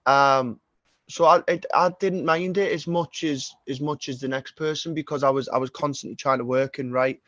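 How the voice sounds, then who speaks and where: A man's voice: medium pitch, steady tone, normal speed, a bit bright, no echo. Young man, Geordie accent, casual rambling chat, swears a lot, muffled dry sound. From Northeast England. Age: 20s. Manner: sweary, rambling, many restarts. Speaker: guest singer-songwriter. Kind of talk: casual podcast interview.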